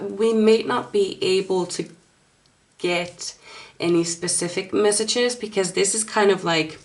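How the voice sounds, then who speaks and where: A woman from Finland with a Finnish accent, a native Finnish speaker, giving a casual tarot card reading in a hesitant, apologetic way as she searches for words. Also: medium pitch. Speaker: tarot reader.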